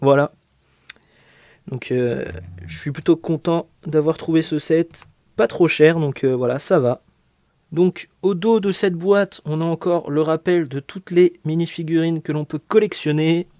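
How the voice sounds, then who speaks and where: A man's voice: a little high, unhurried, mellow, no room sound, clean studio sound. A man giving a casual unboxing commentary as a LEGO reviewer, hesitant and full of fillers, with a joking aside now and then. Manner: hesitant, many fillers, jokey.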